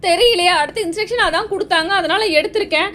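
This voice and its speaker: A woman hosting a gaming channel, giving excitable, jittery commentary on a horror game and talking straight to her viewers. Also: very high voice, fast.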